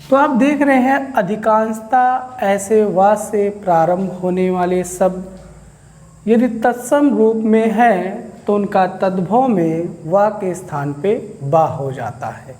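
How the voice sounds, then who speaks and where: Slow, deliberate male grammar teacher. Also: high-pitched, a little mellow, long reverb tail. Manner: explains slowly, asks questions and answers them himself. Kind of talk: classroom lecture.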